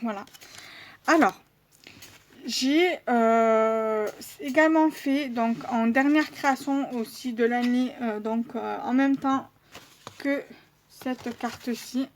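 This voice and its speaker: A woman's voice: on the high side, slow, slight background noise. A woman vlogger showing her handmade cards in a casual, hesitant way, with many fillers. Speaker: crafting vlogger.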